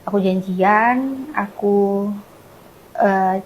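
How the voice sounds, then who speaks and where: A woman being interviewed, earnestly retelling a personal story in casual chat, often trailing off softly at the ends of phrases. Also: medium pitch, drawn-out words, highs cut off. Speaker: guest sharing her conversion story.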